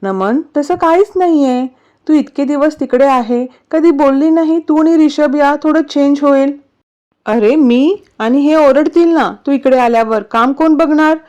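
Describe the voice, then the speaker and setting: Woman voicing a sweet young wife in a storybook reading, soft coaxing tone, high pitch. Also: measured pace, highs cut off. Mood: gentle.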